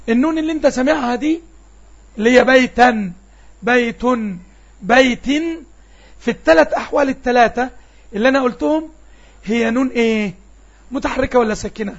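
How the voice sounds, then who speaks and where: A man's voice: extremely high pitch, slightly rough, highs cut off. A man with an Egyptian Arabic accent teaches an online Arabic lesson, patiently repeating sounds and quizzing his students.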